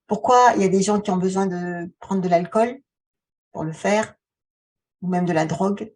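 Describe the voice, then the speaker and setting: A woman hosts a casual video, speaking straight to the viewer from a little way off the mic. Her voice is soft-edged, dark and somewhat husky, at a middle pitch. She talks in a halting, conversational way and leans on rhetorical questions. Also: recorded from a distance. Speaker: video channel host, author and relaxation therapist. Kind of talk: casual vlog talk addressed to the viewer.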